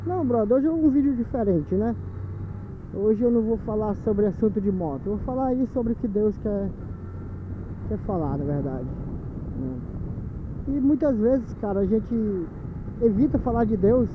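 A man's voice: high-pitched, lively intonation, moderate pace, long pauses. A man from Manaus with an Amazonas Brazilian accent, talking casually and in slang to his viewers while riding a motorcycle at night, captured on a camera mounted on the helmet or bike. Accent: Brazilian Portuguese, Amazonas. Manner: slangy, repeats phrases, talks to viewers as "brother". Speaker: motovlogger. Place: on a motorcycle on city streets at night. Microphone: helmet or bike-mounted action camera. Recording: tinny lo-fi camera audio with faint wind and road noise.

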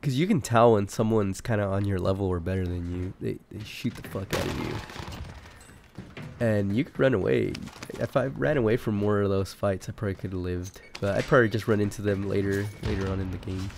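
A man doing laid-back, rambling commentary over his old gameplay while sick and clearing his throat. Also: lowish voice, brisk, noisy background. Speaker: gaming commentator.

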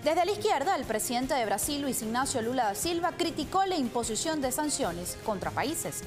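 A woman's voice: high-pitched, very animated, normal speed, music in the background. A woman in her thirties presenting the news in a studio with pointed commentary, speaking emphatically into a lapel mic. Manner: emphatic, gestures while speaking.

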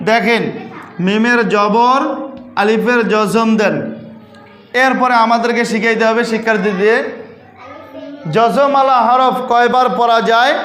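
A teacher from Bangladesh giving a lesson, drilling letter names aloud and asking the class questions. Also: mid-range voice. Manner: asks the class questions and answers them. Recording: echoey room with loud noise.

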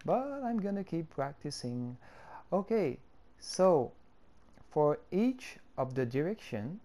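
The voice is a touch high, sing-song, and dark in tone. It belongs to a tutorial creator, a native French speaker using accented English to guide viewers slowly through a game editor, step by step and with filler words.

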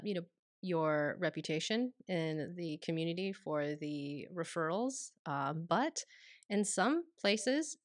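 A woman's voice: low-pitched, dry recording, clean studio sound. A woman in her thirties co-hosting a podcast, talking casually and rambling with many fillers. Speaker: podcast co-host, clinic owner. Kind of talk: casual explanatory podcast talk. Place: small quiet room, indoors. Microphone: studio mic on stand, headphones.

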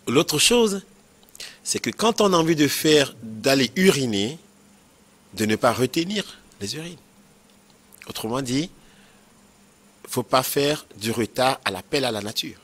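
A man's voice: medium pitch, very animated, measured pace, long pauses, a bit bright. A man, a nephrologist explaining kidney stone prevention in a health interview, repeating key points and checking that he is understood.

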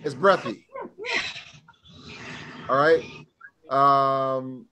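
A man's voice: medium pitch, fairly even intonation, extremely slow, pushed and bright, slight background noise. A man teaching a live online Hebrew class, speaking casually and drilling students with questions.

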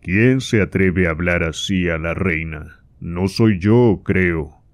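A man's voice: low-pitched, slow pace, no room sound. A man reading as a stern king.

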